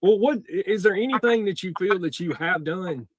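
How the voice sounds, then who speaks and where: A man with a fairly quick, high-sitting voice runs a casual livestream, taking calls from jail. He probes his callers with informal questions, and the recording is dry.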